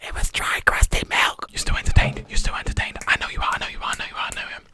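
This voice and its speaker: Young man whispering fast, aggressive ASMR. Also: bright, forceful tone. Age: young adult. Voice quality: whispered, mostly unvoiced. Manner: rapid-fire repetition of short phrases. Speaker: ASMR video creator. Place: small bedroom, indoors. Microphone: desk microphone close to the mouth.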